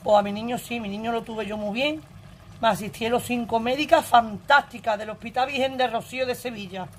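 A woman's voice: on the high side, fairly even intonation, a little fast, a little hiss or hum. Blunt earthy Andalusian woman storyteller. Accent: Andalusian Spanish. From Andalusia, Spain. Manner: earthy, blunt and emotional, swears freely. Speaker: vlogger. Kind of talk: casual storytelling to viewers.

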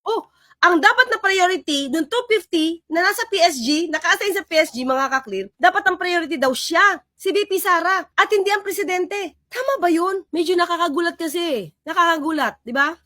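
Animated high-voiced woman vlogger. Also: moderate pace, no echo, studio quality. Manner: animated, sarcastic, replays and reacts to clips. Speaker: political commentary vlogger. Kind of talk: casual political commentary.

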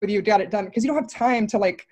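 Guesting on a video call from indoors, a thirtysomething film writer-director gives relaxed, thinking-aloud answers. Her medium-pitched voice moves quickly, and her phrasing is animated and full of rambling tangents.

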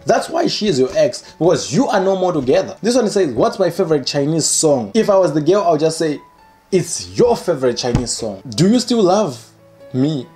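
A young man in his twenties hosting his own channel, reading comments aloud and joking about them in a playful, animated way, recorded indoors by a window. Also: a little high. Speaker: channel host. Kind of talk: casual comedic commentary. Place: indoor room by a curtained window.

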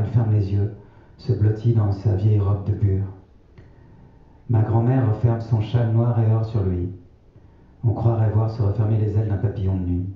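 A man with a fairly low voice reads his own novel aloud in a measured, sober way. The recording is very echoey, with the voice set back from the mic. The sound is slightly dull. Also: far from the mic. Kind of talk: literary reading.

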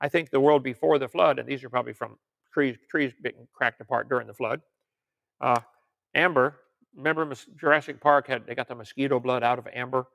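A man's voice: mid-range voice, steady tone, fairly quick, vocal fry, a bit bright. An older man giving an informal teaching sermon, reading out articles and viewer questions with folksy joking asides. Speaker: preacher and creationist lecturer.

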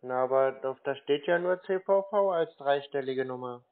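Over a tinny narrowband line, a man pranking phone scammers talks at normal speed in a mid-range voice. He comes across as confused, naive and hesitant, stalling throughout the conversation.

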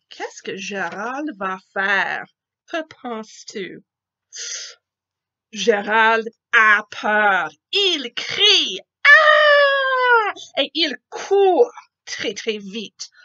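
A woman teacher reading a picture book aloud to children, slowly and expressively, asking them questions. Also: mid-range voice, pushed and bright, lo-fi sound.

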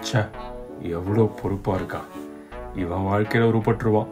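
A man puts on a worried middle-aged dad who mutters his private thoughts under his breath. The voice sits low and rumbly, as if talking to himself in a comedy sketch. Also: steady tone, normal speed, over loud music, natural voice. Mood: muttering.

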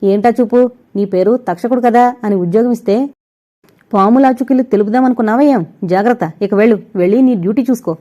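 A woman's voice: mid-range voice, fairly quick, close to an everyday voice. A woman voicing a spoiled, bossy young woman who scolds and orders the household staff around. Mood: scolding. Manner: sharp, scolding, commanding. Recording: dull lo-fi recording.

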